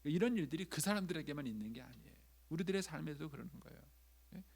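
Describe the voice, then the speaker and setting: A man's voice: fairly high pitch, expressive, quick pace, vocal fry, a little mellow, husky. A man preaching a sermon in a church, talking conversationally and acting out quoted lines in changing voices. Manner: conversational preaching with frequent filler 'ye'. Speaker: pastor. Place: church sanctuary.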